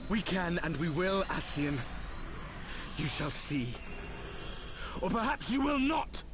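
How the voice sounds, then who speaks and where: A man's voice: high-pitched, big pitch swings, slow, music in the background, voice pushed up, exaggerated voice. A man voicing a bold, defiant heroic warrior in a video game with rousing, declamatory delivery.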